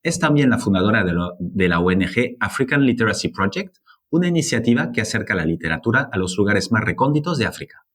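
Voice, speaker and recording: A man from France, a native French speaker, hosting an interview podcast in a lively, hesitant way with many fillers. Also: fairly low pitch, fast talker, slightly rough. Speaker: podcast host.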